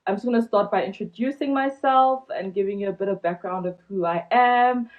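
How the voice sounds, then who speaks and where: A woman's voice: medium pitch, brisk, narrow, tinny audio. A young woman from South Africa founding a blog, talking casually on a phone live stream with many ums and restarts. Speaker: blog founder hosting an Instagram live launch.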